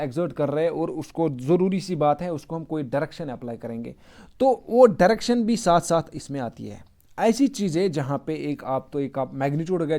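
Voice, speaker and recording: Higher-voiced male math teacher explaining. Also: darkish tone. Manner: conversational, repeats points and checks understanding. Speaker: mathematics lecturer. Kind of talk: classroom lecture.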